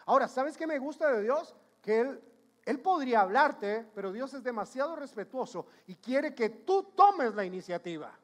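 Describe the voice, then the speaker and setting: A man's voice: extremely high pitch, sing-song, moderate pace. A man preaching a sermon as pastor, emphatic, repeating his points and questioning the congregation.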